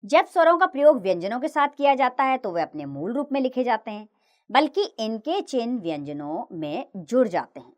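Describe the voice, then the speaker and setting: Woman teaching children in a lively sing-song voice. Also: fairly high pitch. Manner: slow, clear recitation of letters with lively sing-song rises and falls. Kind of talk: children's grammar lesson narration.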